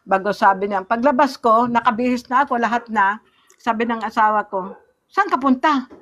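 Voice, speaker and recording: Woman with a fairly high voice, giving an earnest church testimony and replaying past conversations. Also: a bit bright. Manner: earnest storytelling, often pauses and restarts; replays remembered dialogue in a raised voice. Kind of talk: personal faith testimony in conversation.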